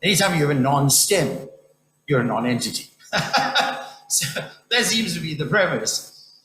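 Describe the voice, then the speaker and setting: A man lecturer answering an audience question in an academic Q&A, talking emphatically with wide swings in pitch. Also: big pitch swings, measured pace, pushed and bright, a little hiss or hum. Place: lecture hall. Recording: echoey hall.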